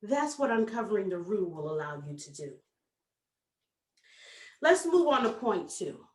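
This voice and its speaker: A woman success coach giving a motivational talk, animated and folksy, addressing the audience directly. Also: medium pitch, a little slow, recorded from a distance. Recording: echoey room, voice from off mic.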